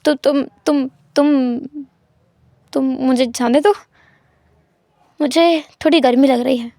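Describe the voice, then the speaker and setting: A woman's voice: high voice, slow pace, mellow, no echo, clean studio sound. A woman voicing a shy, easily embarrassed young man in a storytelling fan fiction, stammering and protesting. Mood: flustered.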